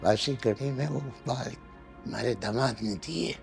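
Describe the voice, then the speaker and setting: A stern, anguished older father with a Pakistani accent. His low voice is gravelly and his speech slow and deliberate. Soft music sits under him. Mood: remorseful. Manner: slow, heavy and reproachful.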